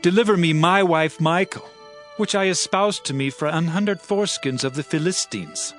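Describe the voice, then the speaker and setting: A man's voice: a little high, moderate pace, fairly bright tone, soft background music, natural voice. A man playing a firm, demanding ancient Hebrew king in a dramatized scripture reading, with declamatory archaic speech.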